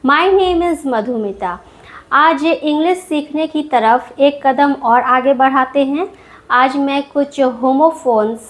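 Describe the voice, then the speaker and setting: A woman with an Indian accent, teaching English vocabulary as a channel host in slow, patient explanations that repeat each point. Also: sits high. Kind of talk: explaining English words in Hindi.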